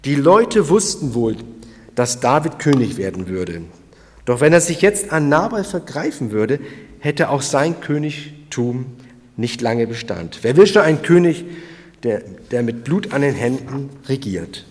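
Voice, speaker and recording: A man preaching a sermon, emphatic and swinging between loud and quiet, speaking directly to the congregation. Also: medium pitch, sing-song, a little slow, big-room sound. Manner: emphatic, rising and falling in volume, addresses listeners directly.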